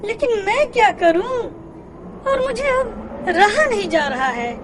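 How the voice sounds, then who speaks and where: Cartoon jackal, male, small and scheming, sugary and very high; a woman acts it, some background noise. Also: unhurried, full character voice. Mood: sly, sugary. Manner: sweet-talking, very high and lively.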